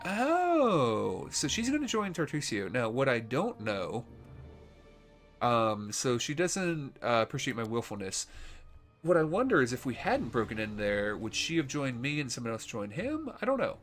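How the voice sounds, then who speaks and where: A man casually commenting on a role-playing game he plays, thinking aloud with plenty of fillers, his voice going hoarse. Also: mid-range voice, huge pitch swings, normal speed, a bit bright, soft background music. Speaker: let's play host. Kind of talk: casual gameplay commentary reading dialogue aloud.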